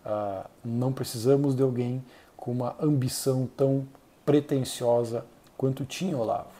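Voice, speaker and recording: A Brazilian man hosting a channel, giving earnest, measured solo commentary with frequent hesitations. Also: mid-range voice, fairly even intonation, warm tone. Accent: Brazilian Portuguese. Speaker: channel host reviewing an essay.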